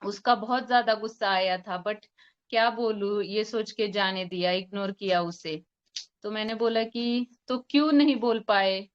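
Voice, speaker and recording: A woman's voice: medium pitch, steady tone, a little slow, clean tone, dull audio. A homeopathic doctor, a woman, presenting a patient case to a forum, retelling the consultation and quoting both sides with hesitant fillers.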